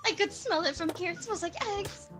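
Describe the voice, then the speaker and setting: A woman's voice: very high voice, brisk, a bit bright, soft background music. A woman playing an intern witness in a courtroom game, answering hesitantly and teasing the others. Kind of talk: improvised courtroom game banter.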